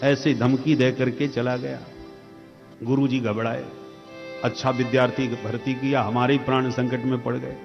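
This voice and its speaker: A man's voice: mid-range voice, moderate pace, vocal fry, lo-fi sound. A man preaching a devotional story sermon, telling it dramatically and calling out to the audience. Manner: dramatic, animated storytelling with call and response. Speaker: katha preacher. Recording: echoey hall with music.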